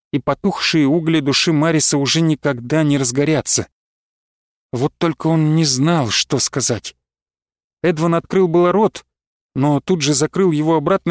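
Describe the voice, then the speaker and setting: A man reading a fantasy novel aloud in a measured pace, slowing down for tense moments, on a close studio mic. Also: fairly high pitch, dry recording. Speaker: audiobook narrator. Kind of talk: scripted fantasy narration.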